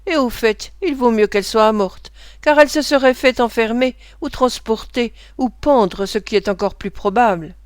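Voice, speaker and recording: A taunting, sneering apprentice boy, as a woman reader puts him on, voiced in a raised, strained register. The reading is crisp and close, with no room around it. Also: on the high side, normal speed, no room sound, lightly acted. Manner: mocking, then shrieking for help.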